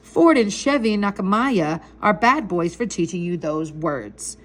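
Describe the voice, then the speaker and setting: Woman doing a gentle, firm father. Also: mid-range voice, expressive, unhurried. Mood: gently stern.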